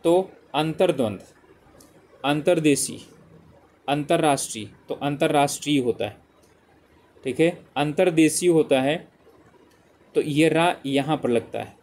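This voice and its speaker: Fairly high-pitched yet darkish, the man speaks at a measured pace and pauses often. He's a teacher going through spelling exam questions individually as multiple-choice practice. His delivery repeats itself, with the options read out and "ठीक है" coming up frequently.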